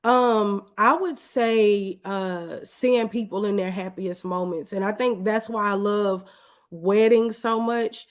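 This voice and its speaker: A woman who works as a videographer speaks slowly in a medium-pitched voice as an interview guest. She answers conversationally through anecdotes and acts out quoted exchanges of dialogue as she goes.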